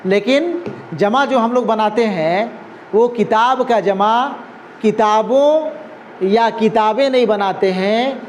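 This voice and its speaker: A man teaching an Urdu class, explaining slowly and often checking that his students follow. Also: high voice, slight background noise. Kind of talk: classroom lesson.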